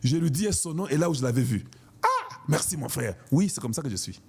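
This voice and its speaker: A man's voice: fairly high pitch, very animated, fairly quick, gravelly, noisy background. A man from Congo, giving an impassioned political monologue in an emphatic, declamatory way and repeating himself for emphasis. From Congo (DRC). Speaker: online political commentator.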